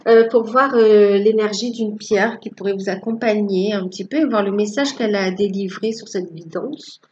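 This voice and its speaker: A woman giving a tarot reading to her viewers, with a halting delivery that repeats phrases. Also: medium pitch, a little mellow, highs cut off, slight background noise. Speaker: tarot reader.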